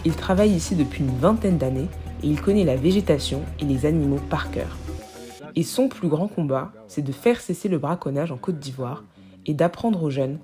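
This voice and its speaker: A woman host reading calm, reflective voice-over narration for a travel vlog. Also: sits low, moderate pace, faint music behind.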